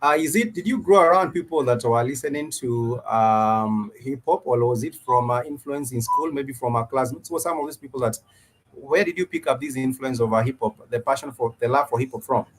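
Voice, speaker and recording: Kenyan accent guy doing a music interview, kinda halting and wordy, mid pitch. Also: poor audio. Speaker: radio show host, interviewer.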